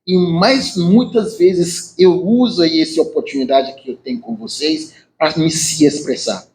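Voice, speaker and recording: A man from Nigeria with a Nigerian English accent in non-native Portuguese, giving an earnest, halting informal speech as an artist. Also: a little high, animated, a little mellow, a little hiss or hum, rough recording. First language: not a native Portuguese speaker. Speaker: visual artist.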